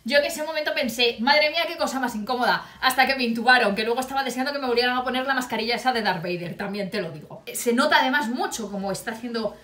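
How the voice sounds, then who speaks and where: A woman's voice: on the high side, fast, few pauses, fairly bright tone, echoey room. A woman, telling a storytime vlog tale in a blunt, wry and profane way. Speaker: vlogger.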